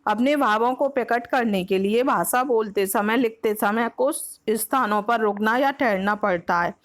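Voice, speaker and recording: A woman teacher with a Hindi accent from Uttar Pradesh explains grammar for an exam-prep lesson, patiently repeating each point. Her voice is a little high and unhurried, and she mixes English words such as "next" and "example" into her Hindi.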